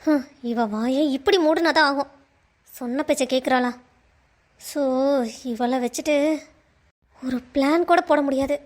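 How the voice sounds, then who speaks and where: A woman voicing a spiteful, bossy young schemer in a cartoon, sneering and plotting in hushed tones. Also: high voice, a little slow, long pauses. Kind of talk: cartoon voice acting.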